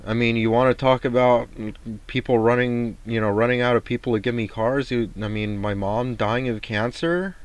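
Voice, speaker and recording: Smooth-voiced man venting frustration. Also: mid-range voice, normal speed, few pauses. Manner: rambling, frustrated, swears, restarts often. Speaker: vlogger. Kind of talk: venting monologue.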